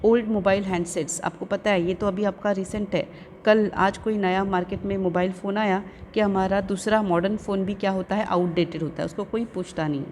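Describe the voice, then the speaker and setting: Woman teacher in a slow, careful lesson. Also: medium pitch, fairly even intonation, a little mellow, slight background noise. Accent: Urdu-speaking Indian. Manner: slow, careful pronunciation of English words, repeating each twice. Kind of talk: classroom lesson explanation.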